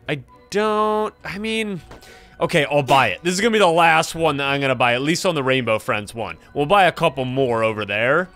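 A young adult man hosting gameplay commentary in an animated, exclaiming way, close on a streaming mic. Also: fairly high pitch. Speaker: gaming video host, streamer.

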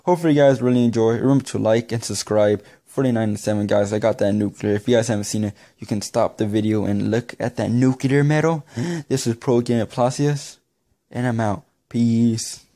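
A young man narrating his own gameplay clip, excitable and rambling, repeating himself as he talks. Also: medium pitch, fairly quick. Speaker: gaming YouTuber. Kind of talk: gameplay commentary voice-over.

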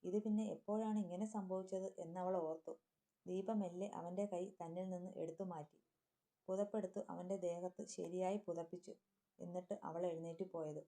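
Low, dark-toned woman storyteller. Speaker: story narrator. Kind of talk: scripted storytelling narration.

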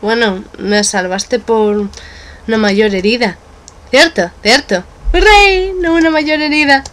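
A woman reading a game's dialogue aloud, voicing each character in turn with playful shifts in pitch. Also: unhurried, fairly bright tone. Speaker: let's play narrator voicing game characters. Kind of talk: dubbing game dialogue aloud.

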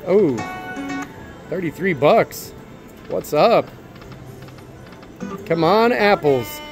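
A high-pitched man narrating his slot play in casual, excitable slang. He coaxes the machine aloud, with clear music playing around him on the casino floor. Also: extremely slow. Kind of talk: casual excited gambling chat.

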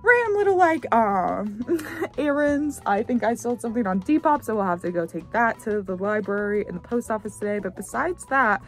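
A young woman talks straight to her phone camera in a loose, rambling vlog style, full of "like" and restarts. Her voice sits at an ordinary middle pitch for a woman. Soft music plays faintly behind her. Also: lively intonation, normal speed. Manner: chatty, rambling, lots of "like" fillers. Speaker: vlogger. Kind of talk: casual vlog chat. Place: inside an RV.

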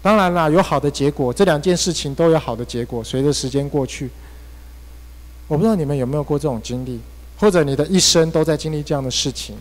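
A man's voice: a little high, quick pace. A male pastor with a Taiwanese Mandarin accent preaching a sermon, telling a personal story with emotional swings. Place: church hall. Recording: long church hall reverb.

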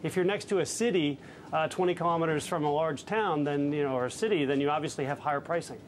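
A fund manager appears as a guest in a live news interview, speaking from an office with trading desks behind him. His voice is slightly high, and he is measured but hesitant, using frequent fillers, with slight background noise present.

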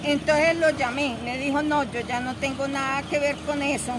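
On a busy town street, a middle-aged Colombian woman, a local resident, complains indignantly and in detail during an outdoor interview, gesturing as she talks. Her voice is high-pitched with fairly even intonation and a moderate pace, and street noise and traffic fill the background.

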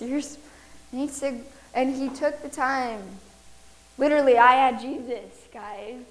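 Young woman, slightly high voice, informal inspirational speaker who keeps checking in with the crowd. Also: a bit bright, a little hiss or hum, rough recording. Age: young adult. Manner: chatty, checks in with audience. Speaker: youth speaker. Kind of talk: inspirational talk with personal story.

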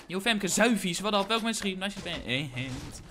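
A young man, live-streaming a game, excitable and slangy, shouting when hyped. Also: sits high, normal speed, slight background noise. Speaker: gaming streamer.

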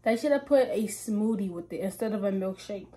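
A woman's voice: medium pitch, a little fast, warm tone, a little hiss or hum. A 21-year-old woman from Ohio, a vlogger casually chatting to her viewers in a slangy, talkative way, at work and in her car. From Ohio, USA. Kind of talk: casual vlog chat to viewers.

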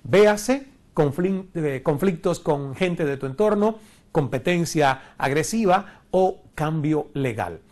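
Here the Cuban instructor, in his forties, delivers his online course slowly, his slightly high voice animated yet darkish in tone. He stands in front of a screen in a studio, a lapel mic clipped on, earnestly asking rhetorical questions throughout the recorded lecture.

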